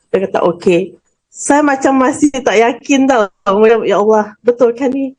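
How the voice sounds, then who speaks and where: Heartfelt woman with a high-set voice. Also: a little mellow, poor audio. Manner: heartfelt and candid, with frequent fillers. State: emotional, close to tears at times. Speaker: forum panelist. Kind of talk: personal testimony at a religious forum.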